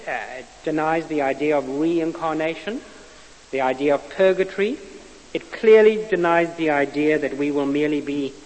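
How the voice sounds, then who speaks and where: A man's voice: a little high, a little mellow. A man preaching a sermon in an earnest, emphatic way, repeating his phrases for weight. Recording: reverberant hall with faint hiss.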